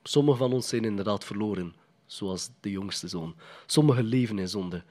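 A man's voice: on the low side, moderate pace, dark tone. A man preaching a sermon in a conversational, emphatic way, often putting questions to the congregation.

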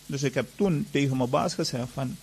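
Gravelly man telling his testimony. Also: mid-range voice, moderate pace, a little hiss or hum, poor audio. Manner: earnest storytelling full of reported dialogue. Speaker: churchgoer giving a testimony. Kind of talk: personal testimony told to an audience.

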